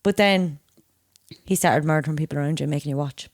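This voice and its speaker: Speaking quickly in a low register, this young Irish podcast co-host trades crude banter and rambling stories in casual chat, laughing often. The recording is studio quality with no echo.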